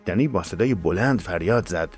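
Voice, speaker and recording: A man narrating a tense audiobook story in a steady, measured way. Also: sits low. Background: faint music.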